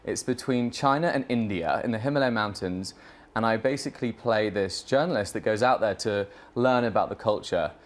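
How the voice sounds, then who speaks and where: A man's voice: fairly low pitch, moderate pace. A young British man, an actor, being interviewed on TV, joking, self-deprecating and laughing easily. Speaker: actor guest.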